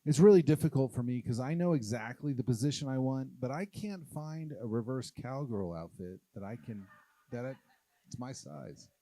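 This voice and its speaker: A man from Oklahoma doing a stand-up comedy set on a live stage, talking in a halting, self-deprecating way with many "uh" fillers. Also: mid-range voice, expressive, mellow. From Oklahoma, USA.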